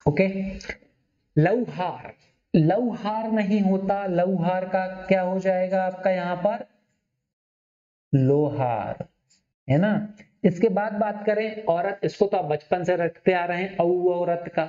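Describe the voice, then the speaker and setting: A man teaching a Hindi spelling class, asking his students questions and repeating words slowly. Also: high-pitched, steady tone, mellow. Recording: dull, echoey classroom recording.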